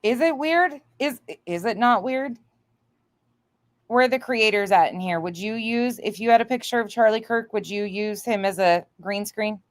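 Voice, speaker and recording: A woman hosting a livestream reacts and chats with viewers in a blunt, indignant, sweary way. Her voice is medium-pitched, her pace moderate, and there's no echo.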